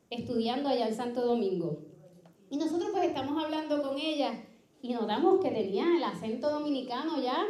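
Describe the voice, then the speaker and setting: High-voiced Puerto Rican woman preaching. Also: mellow, roomy sound. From Puerto Rico. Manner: earnest, keeps asking ¿verdad?, storytelling asides. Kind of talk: sermon. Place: church sanctuary.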